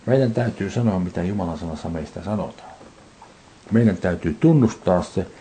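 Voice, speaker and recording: Deep, mellow-voiced Finnish preacher man. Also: lively intonation, a little hiss or hum. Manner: reads scripture aloud and explains it to the congregation. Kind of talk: sermon with scripture reading.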